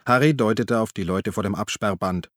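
A man narrates an audiobook in a calm, even storytelling manner. His voice sits low. The recording is close and dry, with no room sound. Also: fairly quick, no echo. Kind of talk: scripted narration.

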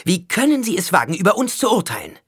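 A man voicing a haughty young noblewoman in an audiobook, sharp and indignant. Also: sits high, huge pitch swings, fast talker, husky, pitched above the performer's own voice, full character voice. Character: fierce young noblewoman, haughty and quick to anger. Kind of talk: audiobook character voice.

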